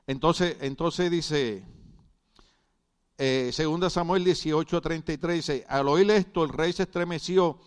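A man's voice: a little high, a little slow, clear, resonant tone. A man from Puerto Rico preaching a sermon, joking with the congregation, repeating words and often asking if they are following. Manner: jokey, repeats words, often asks "right?".

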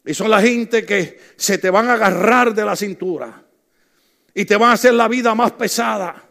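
A middle-aged male pastor delivers a lively sermon, spinning jokes and stories and calling out to his listeners. His voice sits high for a man and has a gravelly edge to it. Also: moderate pace. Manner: humorous storytelling, calls out to the congregation.

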